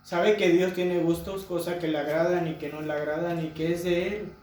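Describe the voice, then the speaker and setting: A man's voice: on the high side, fairly even intonation, moderate pace, a little mellow, slight background noise. A man preaching a sermon to a congregation, asking them rhetorical questions. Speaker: pastor. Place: church hall. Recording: echoey church hall from far off.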